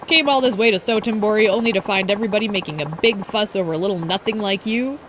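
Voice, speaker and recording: A woman's voice: medium pitch, fast talker, background noise, natural voice. A woman voicing a bratty, arrogant young female rival idol who talks in a haughty, taunting, boastful way.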